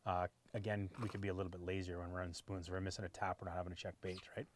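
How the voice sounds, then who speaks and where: A fishing-show host in his forties, out on a boat with a lapel mic, chats loosely about his gear. He has a low voice and races through his words, with slight background noise behind him. Relaxed and chatty, he tags his sentences with "right?"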